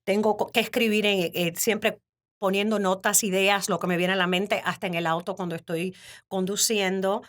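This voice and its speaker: A Cuban woman in her fifties, speaking in an animated, laughing way as a guest in a casual interview. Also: medium pitch, moderate pace. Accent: Cuban Spanish. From Cuba. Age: 50s. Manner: warm, animated storytelling with frequent laughter. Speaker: podcast guest.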